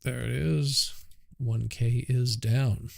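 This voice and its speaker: A man hosts a livestream, chatting casually and muttering as he adjusts his audio on a cheap USB mic, in no hurry. His medium-pitched voice is steady, gravelly and a little mellow. The recording is clean studio sound with no room sound.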